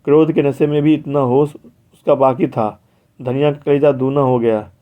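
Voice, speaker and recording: A man's voice: mid-range voice, fairly even intonation, moderate pace, narrow, tinny audio. Man narrating a classic novel. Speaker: audiobook narrator. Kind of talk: literary audiobook narration.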